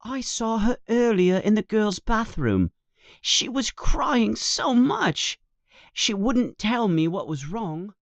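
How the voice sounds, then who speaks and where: A man voicing a worried young student who speaks softly in a storybook reading. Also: high voice, very animated, slow, no echo, pitched above the performer's own voice, full character voice. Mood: concerned.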